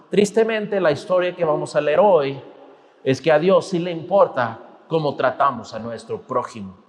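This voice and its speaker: A man with a high voice preaches a sermon, pressing his points with rising and falling emphasis. His voice carries a long reverb from the church hall around him. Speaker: pastor.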